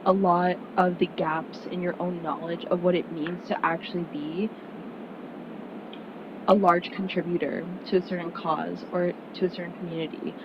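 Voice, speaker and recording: A young woman from Miami, a student speaker at an information session, gives a casual, earnest presentation to prospective students, full of "like" and "um." Her voice sits a little low for a woman and moves at a moderate pace. The recording is muffled with a clear, steady rumble underneath.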